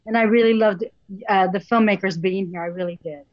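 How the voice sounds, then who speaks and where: A woman guest on a video call who tells her story openly and speaks slowly and warmly. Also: mid-range voice, fairly even intonation, no room sound. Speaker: guest, artist and activist. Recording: dry, dull video-call audio.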